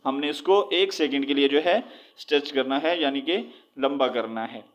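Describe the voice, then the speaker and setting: A man teaching Quran reading, spelling out letters and drawing words out slowly between explanations. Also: medium pitch. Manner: drawn-out recitation of words, explaining with repeated checks. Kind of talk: slow spelled-out recitation lesson.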